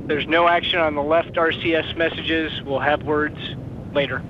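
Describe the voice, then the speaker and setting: A man's voice: a little high, fairly even intonation, normal speed. Man on crackly mission radio. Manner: clipped, procedural radio phrasing. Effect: breaking-up space-to-ground radio. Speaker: mission control capsule communicator. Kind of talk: terse flight radio calls. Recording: muffled, noisy radio link.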